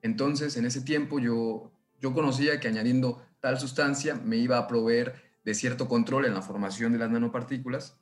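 A man who works in science talks casually on a podcast, eager, agreeing and rambling with many restarts. His medium-pitched voice is steady at normal speed with few pauses, over soft background music.

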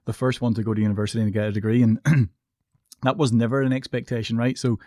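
A man's voice: medium pitch, fairly even intonation, quick pace, dark tone, no echo, studio quality. A man in a casual podcast chat, reflective, explaining his views at length.

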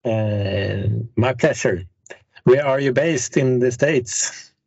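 Male host, low raspy voice, measured questions, dead-dry lo-fi recording. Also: darkish tone, no echo. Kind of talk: interview questions.

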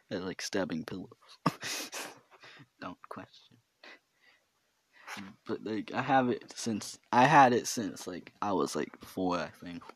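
Rambling teenage boy with a stutter. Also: on the low side. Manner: rambling, fillers and self-interruptions. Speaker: solo podcast host. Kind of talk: casual rambling solo podcast. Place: his bedroom. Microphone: home podcast mic.

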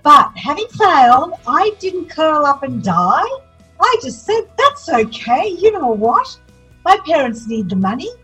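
A woman's voice: high-pitched, unhurried, soft background music, poor audio. A woman in her sixties, from Sri Lanka, a city councillor telling her life story candidly in a podcast interview. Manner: candid, lively storytelling with laughs.

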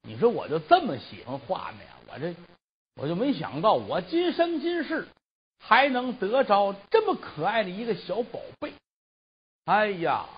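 A man's voice: high voice, husky, dull audio, pitched above the performer's own voice, heavily acted. A man doing a cocky, mocking teenage boy. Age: late teens. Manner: mocking, boastful. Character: cocky sharp-tongued teenage boy bird keeper.

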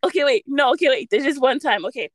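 A woman with a fairly high voice tells stories in a casual podcast chat. She is giggly and animated, her pitch jumping all over. The sound is dry and close. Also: fast talker, no echo, low-quality recording. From Utah, US. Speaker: podcast co-host.

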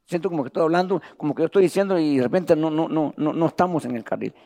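A man preaching a Bible study sermon in a church, reading scripture slowly and calling the listeners "brother". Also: on the high side, mellow, long reverb tail. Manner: reads scripture slowly, addresses "hermano".

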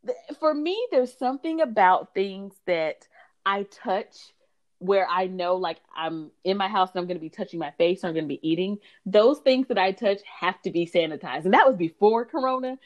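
A woman co-hosting a casual podcast chat. Her pitch swoops up and down as she leans hard on her points, stretching out the words she stresses. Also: highs cut off. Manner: emphatic, animated, drawn-out stresses. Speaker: podcast co-host.

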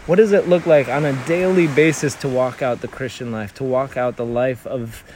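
During a conversational interview, a Tanzanian-raised missionary earnestly tells stories, frequently restarting. He has a medium-pitched, steady voice with a darkish tone and speaks at a moderate pace. The audio carries a little hiss or hum.

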